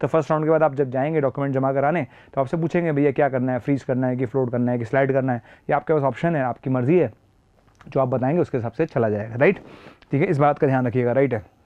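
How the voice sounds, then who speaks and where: A man with a mid-range, steady voice talks fast as he teaches an admissions process despite a sore throat. He repeats key points emphatically and mixes in phrases during the explanatory lesson. There's no room sound, and the audio quality is lo-fi.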